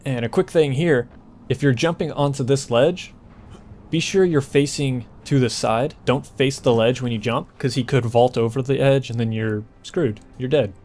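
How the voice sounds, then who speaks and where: With video game ambience in the background, a man explains his play in casual, conversational commentary as a walkthrough host. His voice is mid-range and darkish, at a normal speed.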